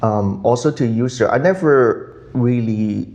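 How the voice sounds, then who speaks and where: Soft-spoken potter, halting. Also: male voice, medium pitch. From Hong Kong. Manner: halting, thoughtful, quick to laugh. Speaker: potter and guest. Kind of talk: casual interview chat.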